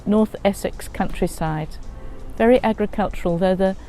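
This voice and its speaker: Brief: English woman in her seventies, mellow warm tone, reflective and descriptive storyteller. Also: mid-range voice, normal speed, soft background music. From England. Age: 70s. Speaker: interviewee. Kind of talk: documentary interview.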